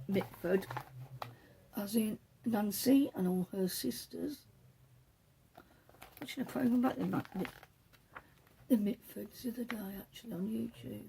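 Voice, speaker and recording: A woman's voice: lowish voice, vocal fry, dark tone, a little hiss or hum. A woman hosting a knitting podcast, chatting casually as she shows patterns from a book, rambling and correcting herself as she goes.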